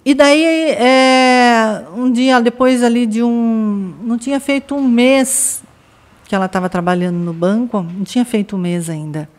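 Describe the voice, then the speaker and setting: A woman from Brazil, a podcast guest, telling a family story in a lively way and acting out her relatives' lines. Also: fairly high pitch, measured pace. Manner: lively, acts out family members' quoted lines. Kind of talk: casual storytelling in conversation.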